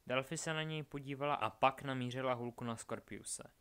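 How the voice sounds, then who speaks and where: A man narrating a dark fantasy story in a low, measured voice. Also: clear, resonant tone. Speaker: audiobook narrator.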